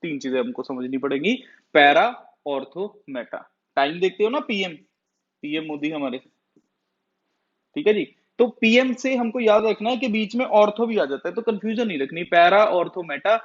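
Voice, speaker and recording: A man's voice: high voice, animated, normal speed. A man teaching a chemistry class, who often asks the students questions and then answers them himself. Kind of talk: classroom lecture. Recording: dull lo-fi sound.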